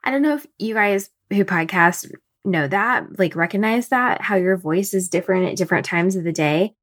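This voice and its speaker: A woman in her thirties hosting a solo podcast from home early in the morning, her voice a bit raspy, chatty and thinking out loud with fillers. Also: mid-range voice, expressive, normal speed. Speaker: podcast host. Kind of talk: casual solo podcast talk.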